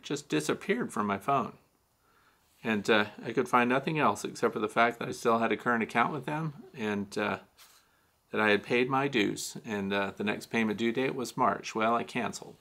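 A man's voice: medium pitch, creaky, pushed and bright. An older man hosting a beekeeping show, talking casually to camera from a small home studio with frequent fillers and wry asides. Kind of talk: casual advice talk to camera. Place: small home studio with shelves and neon sign.

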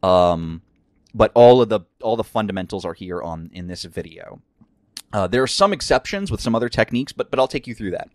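A man with a low, scratchy voice hosts a casual crafting tutorial from his craft room at home. He talks with rambling enthusiasm and lots of fillers. The sound is close and dry. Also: lively intonation, fairly quick, a little mellow, no room sound. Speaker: crafting channel host.

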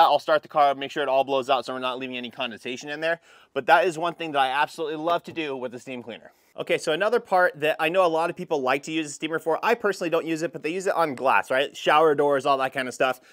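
In a casual product review vlog, a car detailing host in his thirties walks viewers through a product test, chatting with lots of fillers on a lapel mic. His voice is a little high and a bit bright. The setting shifts from a garage workshop to outdoors by a van to a home hallway.

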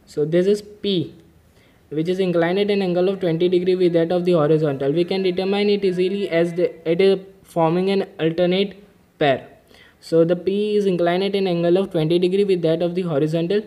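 A man's voice: high-pitched, warm tone. A man explaining an engineering mechanics problem step by step while drawing diagrams, methodical and patient. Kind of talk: whiteboard-style problem-solving lesson.

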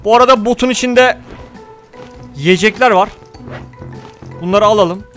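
A man giving casual let's-play commentary, excitable, talking to his viewers and cursing at the game. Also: high-pitched, measured pace, soft background music. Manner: excitable, talks to viewers, mutters and curses at the game. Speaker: gaming YouTuber.

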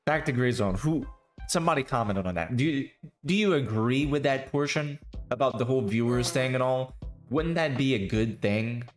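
A man's voice: medium pitch, normal speed, faint music behind. A hungover man hosting a casual podcast chat, rambling and profane, slurring his words. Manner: rambling, profane, restarts often. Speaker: podcast host.

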